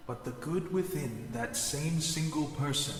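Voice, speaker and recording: A man's voice: a little high, unhurried, lightly acted. A man playing a solemn otherworldly harbinger of judgment in a video game, speaking in formal, grandiose pronouncements. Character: solemn male otherworldly harbinger who judges the world. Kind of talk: scripted video game acting. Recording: echoey hall-like reverb.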